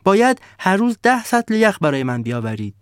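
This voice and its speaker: A man's voice: sits high, big pitch swings, smooth, dry recording, studio quality, voice pushed up. A man voicing a bossy, greedy snowman who barks rude orders at villagers in a storybook tale. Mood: decreeing. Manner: barking orders, rude and demanding.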